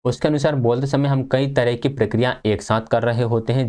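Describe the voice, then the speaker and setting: Young male teacher, lowish voice, casual exam-prep explainer who reads notes then paraphrases. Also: darkish tone.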